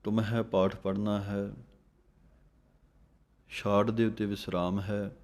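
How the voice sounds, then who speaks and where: Male scripture teacher, low flat delivery, very slow and methodical. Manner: recites verses slowly, then explains letter by letter. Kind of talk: slow recitation lesson with spelling explanations.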